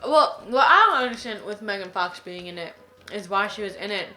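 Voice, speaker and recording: A woman's voice: medium pitch, lively intonation, fairly quick, pushed and bright. A young woman co-hosting a casual chat, chiming in with brief, dry comments. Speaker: co-host.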